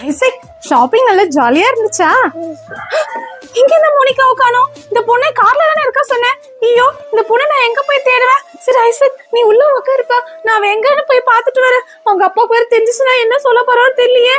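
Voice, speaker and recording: Woman acting stern stepmother, very high voice, bossy, skit with light music behind. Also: fast talker, fairly bright tone. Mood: panicked. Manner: bossy, scolding commands. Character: strict, scolding stepmother, adult woman.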